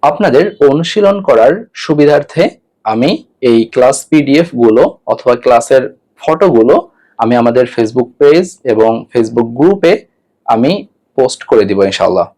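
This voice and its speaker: A man's voice: mid-range voice, lively intonation, moderate pace, mellow. A man teaching an online Quran lesson, patiently giving step-by-step mouth instructions and repeating each letter sound three times.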